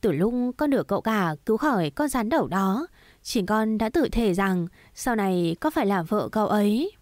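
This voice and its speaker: A woman voicing a jealous, headstrong young woman in a storybook reading, pleading in a raised, slightly higher voice. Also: very animated, moderate pace, darkish tone, no echo, clean studio sound, natural voice.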